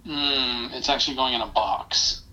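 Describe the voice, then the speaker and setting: A man's voice: mid-range voice, steady tone, moderate pace, pushed and bright, slight background noise, poor audio. A middle-aged man calling in over a phone on speakerphone, blunt and matter-of-fact, brushing off objections. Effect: heard over a phone on speakerphone. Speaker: caller, guest's father.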